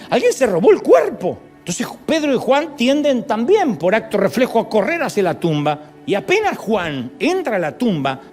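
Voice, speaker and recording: A high-voiced male preacher with an Argentine accent, storytelling with wide, animated swings of pitch. He breaks into humorous asides and acts out the quotes he tells. Soft music plays underneath him. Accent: Argentine Spanish. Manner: dramatic storyteller, acting out quotes with sudden high cries. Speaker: pastor. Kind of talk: sermon.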